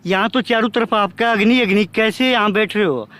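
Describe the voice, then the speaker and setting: A man's voice: high voice, brisk, a bit bright. A man hosting an on-location vlog and eagerly talking to his viewers. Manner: eager, addresses viewers directly. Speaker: vlogger host. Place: outdoors at a fire-ritual site.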